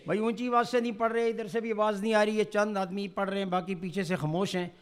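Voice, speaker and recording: A man's voice: sits high, level tone. A man teaching Quran recitation to a group, correcting pronunciation and leading drills where they repeat after him. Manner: leads call-and-response, asks the group to repeat. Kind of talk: classroom tajweed lesson.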